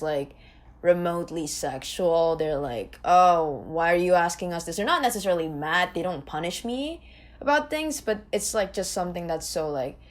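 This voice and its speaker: A young woman from Indonesia, a podcast guest, talking casually with hesitant restarts and many likes. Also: fairly low pitch. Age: young adult.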